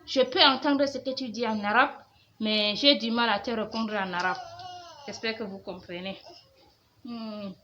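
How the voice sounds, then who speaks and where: A young Fulfulde-speaking woman from Cameroon runs a home organisation channel and here answers viewer questions in an FAQ vlog. Her fairly high voice keeps a steady tone but is soft and hesitant, with many pauses, and the recording is lo-fi, slightly muffled, and faintly hissy.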